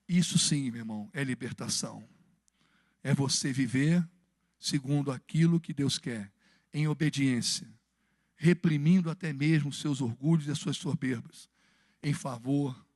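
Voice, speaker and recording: A man's voice: medium pitch, a little mellow, dry recording, clean studio sound. A Brazilian man preaching a Sunday evening sermon in a church, moving between fervent exhortation and humorous personal stories. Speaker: pastor.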